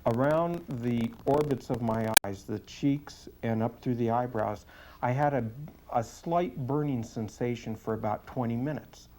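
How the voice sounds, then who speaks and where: A man's voice: medium pitch, a little slow, darkish tone, rough recording. Matter-of-fact man giving an earnest testimonial. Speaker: police sergeant giving a testimonial. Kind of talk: spoken testimonial in an interview.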